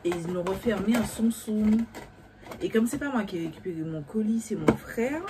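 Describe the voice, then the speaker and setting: A woman's voice: medium pitch, moderate pace, very noisy. A young woman talking casually to her viewers about makeup, rambling and cursing freely when annoyed. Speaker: beauty vlogger. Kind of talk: casual chat to camera.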